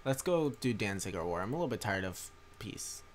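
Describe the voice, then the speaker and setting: With a fairly low, sing-song voice and a brisk pace, a tired young streamer and mod maker gives casual commentary on a strategy game. He rambles, uses many fillers and restarts, and reads chat, with slight background noise behind him.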